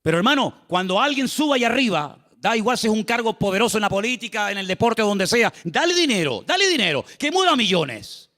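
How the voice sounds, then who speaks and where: Animated Canarian pastor preaching, high voice. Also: male voice, fast talker, few pauses, in a large hall. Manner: animated preaching, acts out voices, asks the congregation. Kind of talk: sermon.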